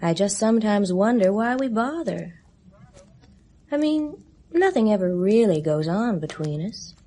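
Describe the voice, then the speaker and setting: In a 1970s radio drama, an actress plays a restless, bored young woman, delivering her lines in a languid, sighing, bitterly weary manner. Her voice is mid-range, very animated and warm, and she takes her time.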